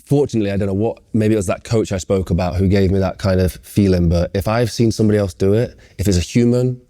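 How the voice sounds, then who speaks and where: A man hosting an interview, talking earnestly with many halting restarts. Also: on the low side, dark tone. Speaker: interview host. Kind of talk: casual interview conversation.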